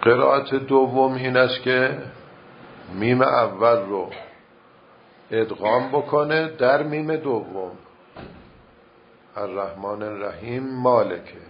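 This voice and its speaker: A man teaching recitation rules in a measured, step-by-step way, reciting verse examples as he explains. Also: mid-range voice. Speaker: religious teacher. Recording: muffled lo-fi recording with faint noise.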